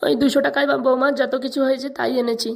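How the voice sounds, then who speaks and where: Woman doing a meek old man, cartoon, whiny and pleading, fast flat delivery. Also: high-pitched, vocal fry. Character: weepy old man, a meek put-upon father. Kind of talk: cartoon voice acting.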